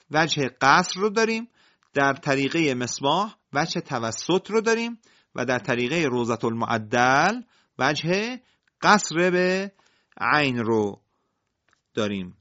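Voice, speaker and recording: Fairly high-pitched and sharp, this man's voice comes through with the highs cut off. He is explaining Quran recitation rules carefully, enumerating each numbered point in turn.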